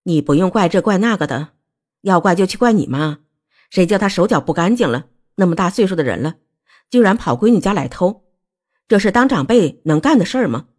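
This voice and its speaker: A woman's voice: fairly low pitch, very animated, brisk, slightly rough, exaggerated voice. Woman doing an indignant middle-aged mother-in-law. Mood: scolding. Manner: sharp scolding.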